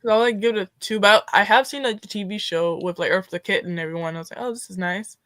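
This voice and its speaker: A woman's voice: medium pitch, quick pace, fairly bright tone, no room sound. Rambling woman, dry close sound. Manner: rambling, lots of "like". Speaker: podcast guest. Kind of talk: casual chat.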